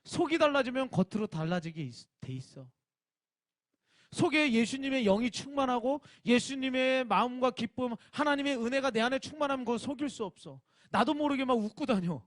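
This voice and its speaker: A man's voice: very high voice, expressive, fairly quick, no room sound. A male youth pastor giving a casual sermon to teenagers, talking informally and directly with emphatic rising bursts.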